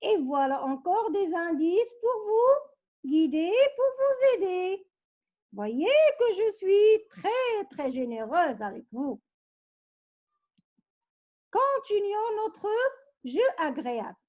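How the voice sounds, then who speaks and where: A high-pitched woman teacher reads riddles aloud to her young pupils, coaxing them along with patient questions and hints. She speaks slowly with a lively, rising and falling tune. The recording sounds dull and lo-fi. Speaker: primary school teacher. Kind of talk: reading riddles to pupils in a vocabulary lesson.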